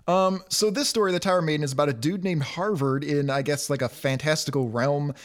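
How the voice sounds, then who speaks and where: A man's voice: fairly high pitch, a little fast. A man hosting a casual podcast chat, wry and crude, steering the talk along. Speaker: podcast host.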